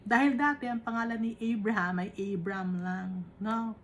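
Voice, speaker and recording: A woman preaching, reading Bible verses slowly and explaining them in a chatty way, often asking "right?". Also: mid-range voice, steady tone, a little hiss or hum. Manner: Taglish, reads scripture slowly then explains conversationally with tag questions.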